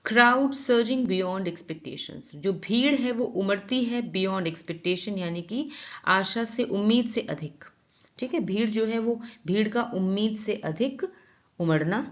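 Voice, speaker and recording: An Indian-accented woman teaches English, reading each line slowly before she explains it. Her voice sits at a middle pitch, and the recording sounds a little dull and lo-fi. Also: expressive. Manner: reads English lines slowly, then explains in Hindi. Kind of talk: explaining a newspaper editorial.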